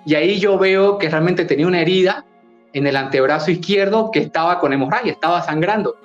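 Male Bolivian doctor, interview guest, earnest and halting, slightly raised voice, muffled recording with faint music. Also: high-pitched. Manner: earnest, hesitant, repeats and restarts words. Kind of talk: recounting a personal experience.

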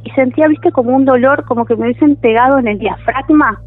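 A woman with a high voice and a Rioplatense Spanish accent calls in to share a personal story. She speaks haltingly, restarting phrases as her voice wavers with emotion. Her voice is tinny and narrow, as if coming through a phone line. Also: no echo, soft background music. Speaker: caller sharing a personal story.

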